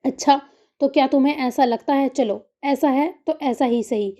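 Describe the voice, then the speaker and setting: Woman doing a sassy defiant young woman in a story reading, mocking, slightly high soft voice. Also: lightly acted.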